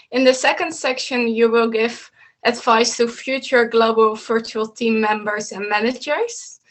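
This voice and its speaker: The recording is rough as a woman coach, her voice a little high and a bit bright, explains slides to students in an online meeting. She speaks steadily and instructively with a few slips and restarts from an indoor home room with bookshelves.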